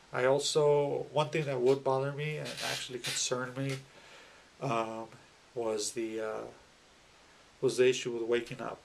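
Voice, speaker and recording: Male vlogger, gravelly mid-range voice, unscripted and halting, casual tone, slight noise behind. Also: medium pitch. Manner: halting, rambling, with many pauses and self-repeats. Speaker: video blogger. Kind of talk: casual personal vlog talk to camera.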